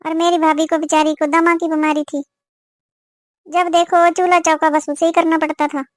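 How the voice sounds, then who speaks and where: A woman's voice: extremely high pitch, level tone, normal speed, no room sound, studio quality. A woman voicing an older, meddling village auntie who gossips and gives warnings in a cartoon. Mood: gossiping. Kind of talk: cartoon voice acting.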